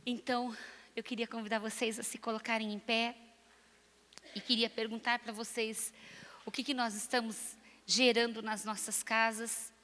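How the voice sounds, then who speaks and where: A Brazilian woman pastor preaching a lively sermon and addressing her listeners directly. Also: a little high, normal speed, long reverb tail. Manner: animated, lively preaching with asides to the audience.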